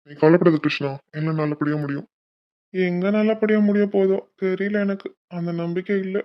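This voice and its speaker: A single performer carries the male and female parts of a home-made animated cartoon, shifting from friendly school chatter to a son's pleading and a brother's harsh scolding. The sound is slightly dull and muffled, the pitch sits mid-range. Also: brisk. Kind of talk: animated Tamil cartoon voice acting.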